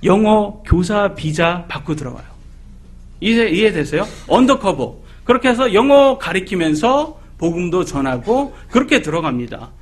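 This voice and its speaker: Male preacher, middle-aged, high and husky voice, animated sermon delivery with questions to the congregation. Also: moderate pace. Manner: animated, asks the audience questions; acts out quoted people in voices.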